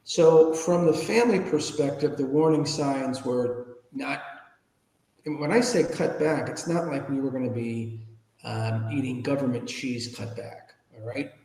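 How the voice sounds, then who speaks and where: Recorded in a reverberant, echoing room, this is an American podcast guest from Chicago, aged fifties or older, who works as an ethics trainer and speaker. Speaking at medium pitch with a warm tone, he shares his personal history openly, in a casual, stop-start, forceful manner.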